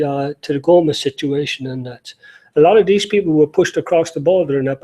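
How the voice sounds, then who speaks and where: A man's voice: on the high side, mellow, low-quality recording. A middle-aged man with an Irish accent, giving a conference talk with many fillers and restarts. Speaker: panel speaker.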